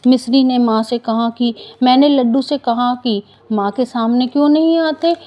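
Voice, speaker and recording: A woman with a fairly high voice tells a devotional story in a loose, unscripted way, stopping and restarting now and then. The recording sounds dull and lo-fi. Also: normal speed. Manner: unscripted, with restarts and acted quotes.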